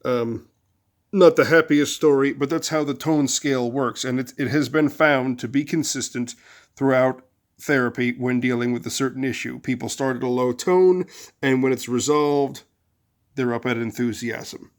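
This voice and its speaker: A man talks through casual relationship advice in a mid-pitched voice, rambling with fillers and restarts. When he acts out angry lines, his voice jumps loud and high. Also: fairly even intonation, normal speed. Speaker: host of a relationship advice video series. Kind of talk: casual advice monologue with storytelling.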